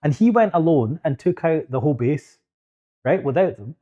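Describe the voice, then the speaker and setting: A man's voice: on the high side, lively intonation, moderate pace, dull audio. Casual man, swearing freely. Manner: swearing freely, talks over partner. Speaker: podcast co-host. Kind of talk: casual chat.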